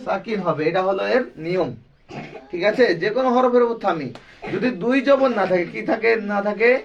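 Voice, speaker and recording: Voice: medium pitch, expressive, a little fast, creaky, distant mic, highs cut off. A Quran recitation teacher giving a classroom lesson, drilling the students with repeated questions and call-and-response.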